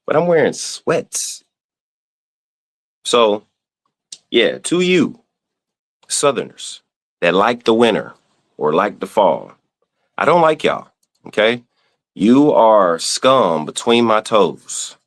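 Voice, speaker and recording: A man with a Southern US accent, hosting a podcast, rants casually and swears with playful exasperation. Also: mid-range voice. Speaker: podcast host. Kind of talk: casual ranting monologue.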